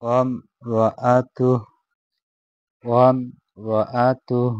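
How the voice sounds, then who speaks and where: A man teaching Quran reading, slowly chanting verses letter by letter, then explaining quickly in Bengali. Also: mid-range voice, flat delivery, a little mellow, clean tone, no echo, highs cut off. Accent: Bangladeshi Bengali. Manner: drawn-out chanted recitation alternating with quick explanations. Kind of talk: slow recitation lesson, spelling letters and vowel marks.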